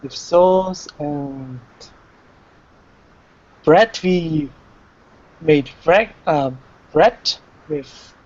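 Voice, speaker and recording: A man learning English who talks in a halting way and searches for words while telling a story. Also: fairly high pitch, darkish tone, muffled recording. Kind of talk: casual class chat.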